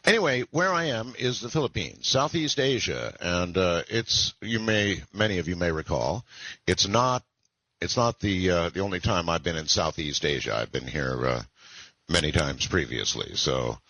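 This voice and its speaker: A man in his sixties hosting a late-night call-in radio show, talking in a relaxed, rambling way with many pauses. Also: low-pitched, no echo. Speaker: radio talk show host. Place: broadcasting from the Philippines. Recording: dull lo-fi radio broadcast sound.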